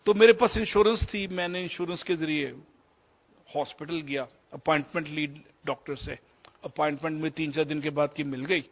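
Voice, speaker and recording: A man in his fifties with a Pakistani Urdu accent, a doctor telling a personal story in a rambling, anecdotal way with English phrases mixed in. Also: fairly high pitch. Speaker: doctor sharing experiences. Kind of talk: storytelling talk.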